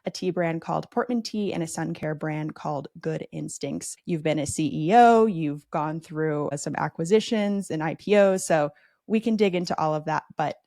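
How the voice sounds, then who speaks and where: A woman with a low voice hosts the conversation, upbeat and eager as she sets up her questions. The sound is dry and close. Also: normal speed, dark tone, no echo. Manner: upbeat, enthusiastic, many "super" and "right?". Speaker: podcast host. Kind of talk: interview introduction and questions.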